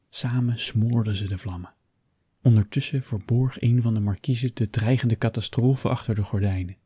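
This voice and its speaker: Male audiobook narrator, low pitch, dark mellow tone, husky, dry close sound. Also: no echo.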